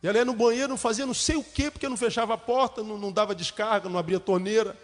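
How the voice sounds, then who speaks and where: High-voiced male pastor in a reverberant church. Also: steady tone, rapid-fire. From Brazil. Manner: storytelling, shifting into fervent rhetorical questions. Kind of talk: sermon with humorous anecdotes.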